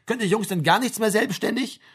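A man reading a story aloud, voicing a mocking, gruff middle-aged army sergeant in a raised, sarcastic voice. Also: high-pitched, fast, fairly bright tone, voice pushed up, exaggerated voice. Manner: sarcastic, barking questions.

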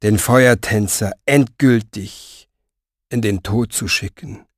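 A man voicing a scheming villain in an audiobook, speaking softly and slowly with a velvety menace. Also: fairly low pitch, breathy edge, no echo, studio quality. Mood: silkily menacing. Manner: soft, velvety, slow, menacing. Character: smooth scheming male sorcerer-reader, soft-voiced and menacing.

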